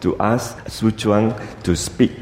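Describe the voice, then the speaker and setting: A man's voice: on the low side, slow pace, darkish tone. A man with a Malaysian accent preaching a sermon in English in an informal way, tagging sentences with little colloquial particles. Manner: informal, with 'you see' and 'lah' tags. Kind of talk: sermon in English at a church camp. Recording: echoey hall, noisy room sound.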